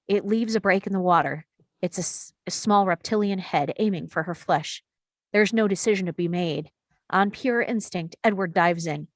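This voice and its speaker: A woman reading stage directions aloud in a table read, steady and clear. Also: lowish voice, normal speed, no echo, clean studio sound.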